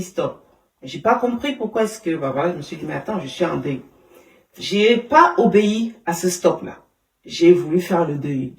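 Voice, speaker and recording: A woman giving an emotional personal testimony in an interview, halting, with many fillers and restarts. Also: lowish voice, a little mellow. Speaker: interview guest. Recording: roomy sound from a distance.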